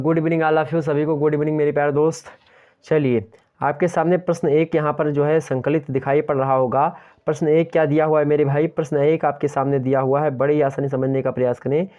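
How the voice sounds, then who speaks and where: Young male tutor on a dull lo-fi recording, slightly high voice, quizzes his students and answers each question himself. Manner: repeats questions to the class and answers them himself; keeps urging viewers to like and share. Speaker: teacher. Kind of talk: online exam-prep lecture. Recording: dull lo-fi sound.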